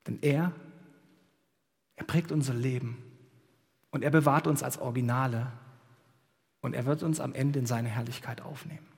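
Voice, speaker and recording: A man's voice: mid-range voice, moderate pace, creaky, long pauses. Casual preacher man in a reverberant hall. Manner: conversational, lively preaching with casual asides. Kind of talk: sermon. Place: church service.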